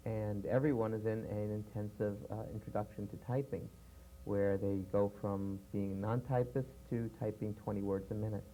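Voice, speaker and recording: A man explaining a training program in a measured way with frequent fillers, heard from a worn VHS tape copy. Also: lowish voice, steady tone, warm tone, soft background music, poor audio. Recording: worn VHS tape with faint hiss and hum.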